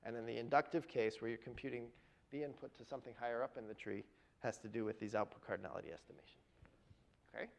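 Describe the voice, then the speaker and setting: A man giving a university lecture in a classroom, his voice pitched in a middle register. He walks through the material step by step and keeps checking in with the students. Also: steady tone, fast talker, gravelly, low-quality recording. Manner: explains step by step, often checks in with "right?" and "okay?". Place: lecture hall.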